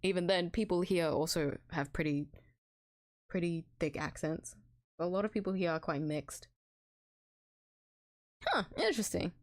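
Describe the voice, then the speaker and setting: Giggling and poking fun at herself, an Australian woman streaming a game from home chats casually and frequently stumbles over words. Her voice is on the low side and animated, at a moderate pace with long pauses, and faint background music plays.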